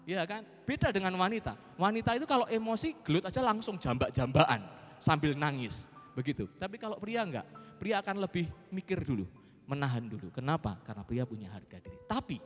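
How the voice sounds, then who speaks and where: Animated high-voiced preacher in an echoing hall. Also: male voice. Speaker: pastor. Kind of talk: sermon. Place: large church hall. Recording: reverberant church hall with music behind.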